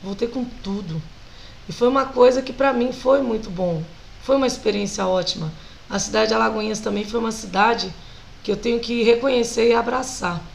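A Brazilian woman singer with a Brazilian Portuguese accent, animated and laughing often as she tells stories as a guest in a casual interview. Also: on the high side, moderate pace, creaky, slight background noise, rough recording.

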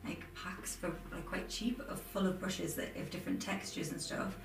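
A woman's voice: on the low side, fairly even intonation, normal speed, creaky. A woman in her twenties with a Durham accent from north-east England, chatting casually as an interview guest. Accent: Durham, north-east English. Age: 20s. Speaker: interview guest, aspiring film and TV editor. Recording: roomy, distant mic, music underneath.

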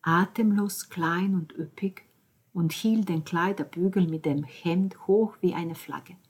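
A woman narrating an audiobook in a calm, measured way, often dropping to near whispers. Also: on the low side, breathy edge.

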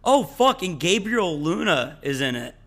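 A man co-hosting a podcast in casual chat, animated and opinionated, swearing freely, his voice cracking today. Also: high-pitched, measured pace. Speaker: podcast co-host.

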